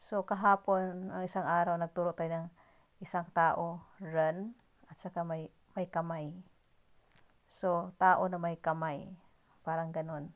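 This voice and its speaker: A woman gives an unhurried lesson, drawing her words out slowly in a lowish voice. She counts strokes one by one and says each word again and again, slipping English phrases into her talk. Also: flat delivery. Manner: repeats each word several times, counts strokes aloud; polite greeting words, mixes English into Tagalog. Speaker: language teacher. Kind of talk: slow lesson on writing Chinese characters.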